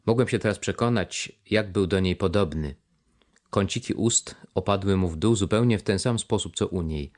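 Low-pitched male audiobook narrator, measured, even storytelling. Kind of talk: scripted narration.

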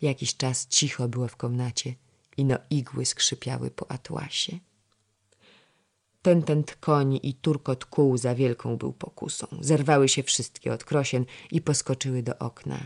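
A narrator reading a historical novel in measured storytelling. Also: medium pitch, steady tone, vocal fry. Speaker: audiobook narrator.

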